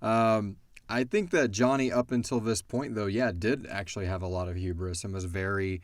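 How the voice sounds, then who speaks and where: Speaking at a normal speed with a fairly low pitch and no echo, this man hosts a podcast and creates audio dramas. Here he runs a casual question-and-answer chat, talking informally and thinking aloud.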